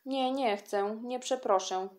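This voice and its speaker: A woman's voice: on the high side, slow pace, pitched above the performer's own voice. A woman voicing a stubborn, defiant young schoolgirl who snaps at her classmates in a storybook reading. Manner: sharp, snappish and defiant.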